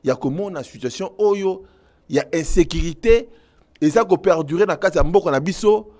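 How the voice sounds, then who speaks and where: A man from Congo with a Congolese French accent, delivering impassioned political commentary to viewers and switching between French and Lingala. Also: brisk. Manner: emphatic, mixes French and Lingala, swings from loud outbursts to low intensity. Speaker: online news commentator.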